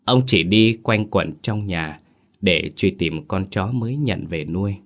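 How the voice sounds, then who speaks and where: Deep-voiced man narrating horror. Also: measured pace. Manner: steady, suspenseful storytelling. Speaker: storyteller. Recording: faint music underneath.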